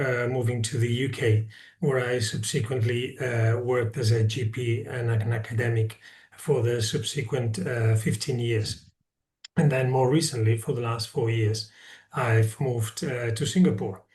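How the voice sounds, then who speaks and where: A man's voice: mid-range voice, a little mellow. A man from Spain, a family medicine professor, introducing himself with many hesitant fillers. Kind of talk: self-introduction. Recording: echoey room, distant from the mic.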